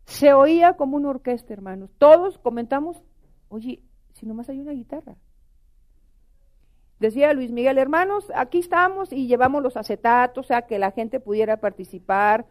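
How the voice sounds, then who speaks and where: A woman gives a fervent sermon testimony. Her voice sits high, and she keeps turning to the congregation with questions. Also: brisk, few pauses, a little mellow. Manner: impassioned, asks the congregation questions. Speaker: preacher.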